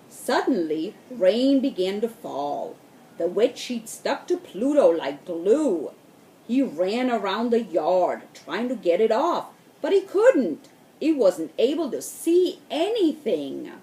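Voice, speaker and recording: A woman reading a children's storybook aloud in a slow, expressive way. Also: medium pitch, echoey room. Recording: voice distant from the mic.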